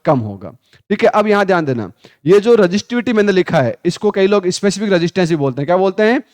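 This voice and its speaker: A male physics teacher running a Hindi class lecture, quizzing students with repeated questions, calling them 'beta', and reading textbook lines slowly. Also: high voice, big pitch swings, darkish tone, no echo. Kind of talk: classroom lecture with call-and-response drills.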